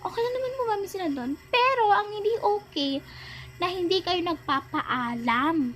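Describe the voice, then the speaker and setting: A woman's voice: very high-pitched, expressive, moderate pace, fairly bright tone. A woman voicing a hot-tempered teenage older daughter who nags her parents in a doll-game role-play. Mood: scolding. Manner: nagging, indignant.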